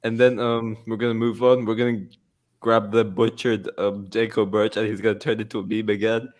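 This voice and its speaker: Male livestream host, low register, playful and rambling. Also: flat delivery, fairly quick. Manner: playful, teasing, rambling with fillers. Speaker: host of a fan news livestream. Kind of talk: casual livestream chat.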